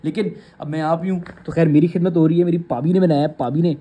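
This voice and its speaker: A man's voice: fairly high pitch, fairly even intonation, fast, noisy background. A young man vlogging casually, teasing friends and family and laughing often. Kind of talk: casual vlog chat.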